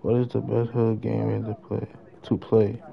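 A young American man on a gaming livestream talks casually in heavy slang, often repeating himself, his voice on the low side, monotone and creaky at a measured pace. The stream audio is dull and noisy.

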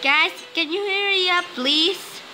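A woman giving casual commentary while playing a card game, excitable and bursting into squeals and complaints. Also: very high-pitched, takes it slowly, low-quality recording. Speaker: gaming video host. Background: game music.

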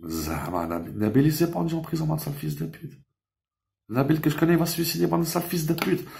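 A man's voice: on the high side, expressive, quick pace, vocal fry, a little mellow. A man telling a rambling, emotional story in a casual monologue, dropping Arabic religious expressions and swearing as he goes. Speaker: vlogger.

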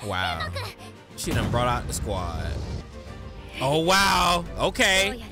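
A man's voice: fairly high pitch, sing-song, takes it slowly. An American man giving casual, slangy and profane anime reaction commentary, full of exclamations. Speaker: reaction video host. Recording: loud music and show audio behind. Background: anime soundtrack music.

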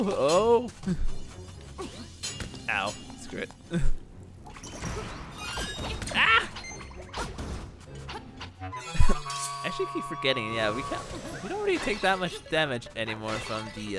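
A tired let's play host gives casual gameplay commentary late at night, yawning now and then. The voice swings high and low, with sudden loud bursts of excitement and frequent stumbles over words. Game music plays clearly underneath.

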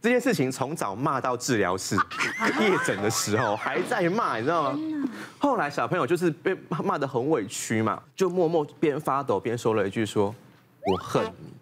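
A man's voice: medium pitch, big pitch swings, normal speed, background noise. A man, a doctor on a talk show, giving step-by-step parenting advice with case stories. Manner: gives numbered advice with case stories, laughs often. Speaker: doctor guest.

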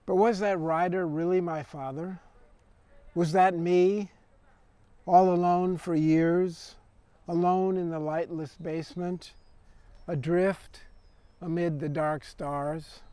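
A man poet reading a poem in the voice of a lonely young man once confined in a dark basement, measured and reflective. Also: sits high, flat delivery, clear, resonant tone, no room sound. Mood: wistful. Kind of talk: poetry reading.

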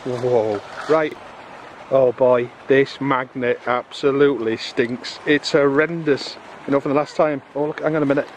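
A middle-aged man chatting excitably to his viewers while magnet fishing outdoors in a river, filmed on a camera. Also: mid-range voice, unhurried, slight background noise. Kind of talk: casual outdoor commentary. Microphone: camera on a tripod or handheld.

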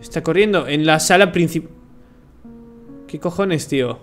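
A young man from Spain with a Spanish accent, commentating a horror game, jumpy, swearing and shouting when startled. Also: a little high, a little slow. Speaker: gaming YouTuber. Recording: game music behind voice.

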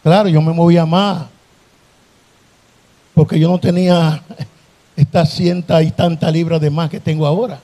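A man, an evangelist preaching a Pentecostal sermon at a church convention, impassioned and building to shouted crescendos. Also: a little high, fairly even intonation, normal speed, pauses often.

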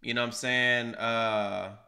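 Young guy hosting, cussing and clowning on his friend, real bright edgy voice. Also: mid-range voice, steady tone, takes it slowly. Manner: roasting, swearing, bursts into loud shouts. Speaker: vlog host. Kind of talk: joking casual chat. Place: living room.

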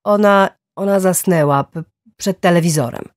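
A woman's voice: a little high, lively intonation, darkish tone, dry recording, studio quality, pitched above the performer's own voice. A woman voicing a shy, awkward man who stammers and halts with fillers, in an audiobook thriller. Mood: timid. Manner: hesitant, halting with fillers.

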